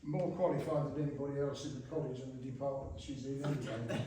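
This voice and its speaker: A man's voice: mid-range voice, steady tone, fast talker, warm tone. A middle-aged man gives an informal, humorous father of the bride speech with dry, teasing delivery. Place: large reverberant room at a wedding reception. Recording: very echoey hall, distant mic, noisy room. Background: guests laughing, background noise.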